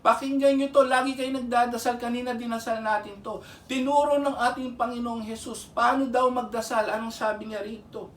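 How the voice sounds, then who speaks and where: A man's voice: extremely high pitch, fairly even intonation, brisk, fairly bright tone, a little hiss or hum. A man preaching earnestly, urging his listeners again and again to listen closely as he teaches from the Bible. His voice sounds distant from the mic and echoes through a roomy space. He slips English phrases in between his Filipino. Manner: earnest, pleading, repeats "pakinggan nyo". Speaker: lay minister and preacher. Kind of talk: preaching a Bible lesson to camera.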